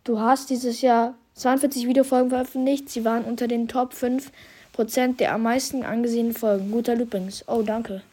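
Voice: medium pitch, fairly even intonation, brisk, dark tone, husky. A young podcast host with a congested, stuffy nose, chatting casually and reading out statistics in youthful slang. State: slight head cold. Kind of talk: casual year-in-review commentary, reading out statistics.

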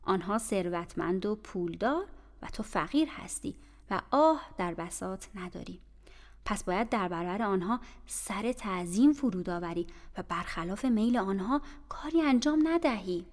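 A woman's voice: medium pitch, lively intonation, a little mellow, natural voice. A woman doing a cold, scolding maid. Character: stern, disapproving household maid, woman. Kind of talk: audiobook character voice. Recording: reverberant room with faint music.

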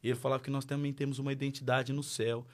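A man's voice: medium pitch, racing. Brazilian man telling his story. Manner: lively storyteller acting out dialogue. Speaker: guest. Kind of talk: casual testimony.

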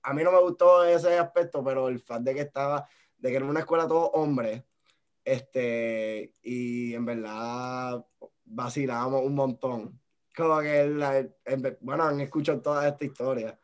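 A man's voice: medium pitch, steady tone, moderate pace, clear, resonant tone. Young man, Puerto Rican accent, laid-back podcast host, mixes in English. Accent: Puerto Rican Spanish. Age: young adult. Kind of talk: casual chat.

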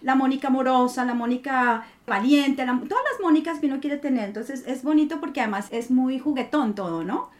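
High-voiced, playful woman. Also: brisk, few pauses. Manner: animated, playful, acts out inner dialogues. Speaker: guest artist. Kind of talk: conversational interview.

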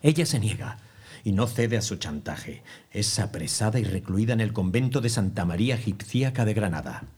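A man reads the scripted narration between scenes. His voice is low and a bit husky, and his delivery is measured and explanatory. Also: lively intonation, a little mellow.

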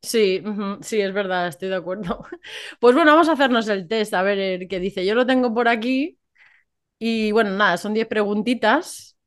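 A woman with a mid-range voice hosts a casual podcast at normal speed, chatting away and often seeking agreement with little tag questions.

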